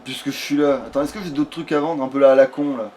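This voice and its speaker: Commentating a video game on the fly, this let's player keeps it casual, crude and heavy on swearing. He speaks quickly at a medium pitch, with a steady, darkish tone, and the background is clearly noisy.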